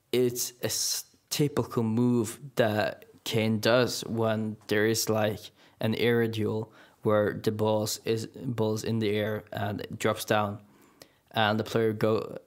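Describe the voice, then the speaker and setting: A young man, chatting casually and rambling with many restarts and fillers. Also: lowish voice. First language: Norwegian. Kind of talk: casual chat.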